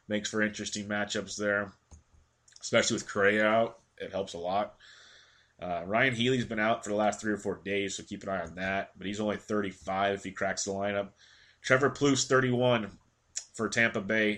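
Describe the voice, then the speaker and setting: A man's voice: lowish voice, a bit bright. Congested man rattling off fantasy baseball picks. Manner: quick stat-heavy delivery, ranting at times. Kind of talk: casual daily picks rundown.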